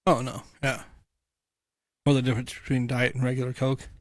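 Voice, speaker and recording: A man with a middle-pitched voice trading easy jokes on a casual home podcast. His delivery is relaxed and the recording is dry and close. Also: a little fast, no room sound. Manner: easygoing, joking. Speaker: podcast co-host. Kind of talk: casual chat. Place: home room.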